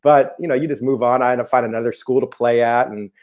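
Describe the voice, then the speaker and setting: A man's voice: mid-range voice, fairly even intonation, quick pace, a little mellow. A man from the Seattle area, a basketball coach, chatting casually and telling stories over a video call. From Seattle area, USA. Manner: laid-back, laughs easily, says man a lot. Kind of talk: casual chat, storytelling. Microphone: remote video call.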